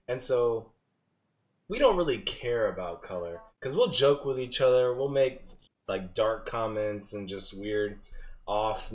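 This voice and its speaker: A man hosting a casual podcast chat in a laid-back, joking way. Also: lowish voice. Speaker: host.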